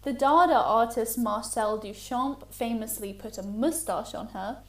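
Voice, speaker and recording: In an echoey room where faint music plays, a young podcast co-host talks in a casual chat, keeping her tone wry and laid-back. Her voice sits on the high side and never hurries.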